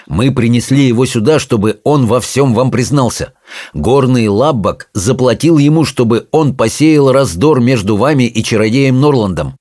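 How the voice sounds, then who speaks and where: A man's voice: medium pitch, animated, moderate pace, darkish tone, no room sound, clean studio sound, lightly acted. A man voicing a determined teenage boy who speaks in a level, matter-of-fact way.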